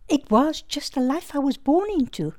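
An older woman from South Africa, a former activist, speaking calmly and measuredly about her life in a recorded interview. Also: high-pitched, moderate pace.

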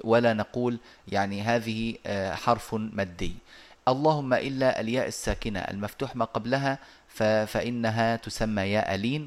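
A man teaching a lesson over a video call, explaining step by step and pausing often on drawn-out hesitations. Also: on the low side. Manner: measured and methodical, with frequent drawn-out hesitations.

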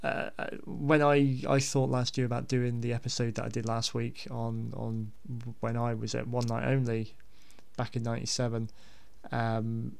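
A man's voice: medium pitch, monotone, moderate pace, creaky, smooth. A man hosting a podcast, talking casually and unscripted in a hesitant, rambling way with repeated words. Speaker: podcast host.

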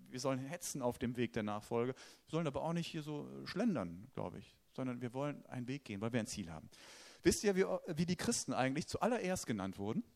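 A man's voice: mid-range voice, darkish tone. A man preaching a sermon in a conversational way, asking the congregation questions and talking to them directly.

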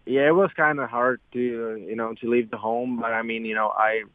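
A young man from the Czech Republic with a Czech accent, a guest on a call-in radio interview, answering in halting English full of fillers. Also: mid-range voice, steady tone, no room sound. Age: young adult. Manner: halting, filler-heavy non-native English. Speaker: guest athlete. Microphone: phone. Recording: dry tinny phone line.

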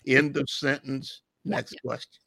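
A man's voice: medium pitch, flat delivery, measured pace, gravelly, bright, forceful tone, dry recording. A man co-hosting motorsports radio, telling stories with laughs. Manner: storytelling, laughs while talking. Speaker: radio co-host, stats man. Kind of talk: casual studio chat.

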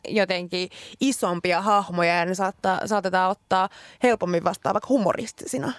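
A woman co-hosting a casual chat, animated and laughing often as she talks. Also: clear, resonant tone, no echo, studio quality. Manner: animated, laughs often, rising pitch when excited.

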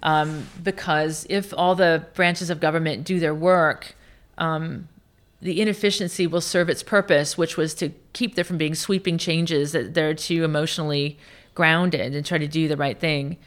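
A woman's voice: deep voice, steady tone, moderate pace. A woman in her late fifties from Iowa, a senior military officer telling candid stories in an interview, often restarting her sentences. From Iowa, United States. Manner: candid, anecdotal, speaks in restarting bursts. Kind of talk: conversational interview.

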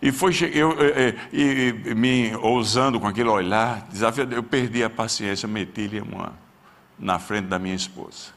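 A pastor, preaching a sermon and telling a personal story with strong feeling. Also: male voice, normal speed, fairly bright tone. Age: 60s. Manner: emotional storytelling, voice rising in pitch at peaks.

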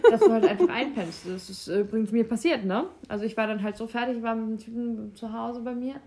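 A woman's voice: fairly high pitch, fast talker, a crowd in the background. Young woman, casual podcast chat, candid, acts out quotes.

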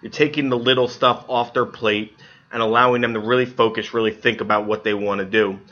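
A hungover man co-hosting a podcast, explaining things informally in a halting, hedging way full of fillers. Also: mid-range voice, steady tone. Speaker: podcast co-host and editor. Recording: dull lo-fi audio.

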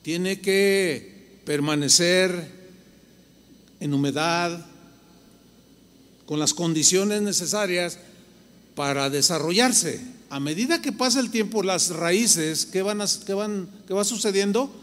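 A man's voice: high voice, takes it slowly, long pauses, fairly bright tone, long reverb tail. A man with a Mexican accent, preaching a sermon to a church congregation in a conversational way. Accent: Mexican Spanish. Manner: conversational preaching, acts out listeners' voices. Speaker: pastor. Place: large church hall.

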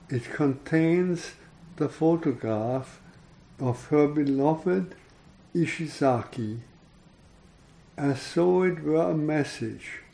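A man reads a literary story aloud at a very slow, measured pace. His voice is mellow and dark, and his delivery stays solemn and even throughout. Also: mid-range voice, rough recording. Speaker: podcast reader. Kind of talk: reading literary fiction aloud.

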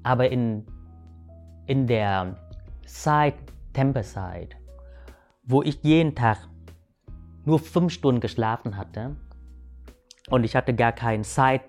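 A man from Vietnam, a native Vietnamese speaker, tells personal stories reflectively as a guest, with a mid-range voice and a darkish tone. His delivery is halting, full of restarts and fillers, and he keeps asking "weißt du". Faint music plays in the background.

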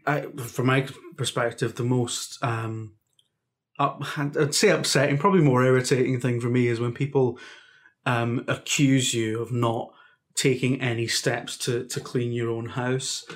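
Blunt games journalist. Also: male voice, medium pitch, little pitch movement, unhurried. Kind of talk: casual panel chat.

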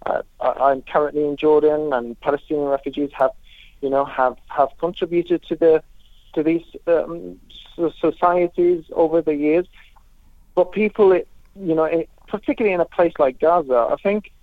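A man from Lebanon speaks about aid work over a tinny phone line with a slightly high voice. His answers come out halting, full of restarts and repeated words, and the sound is dry and close. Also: fairly even intonation, dry recording. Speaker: humanitarian aid worker. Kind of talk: remote interview answers.

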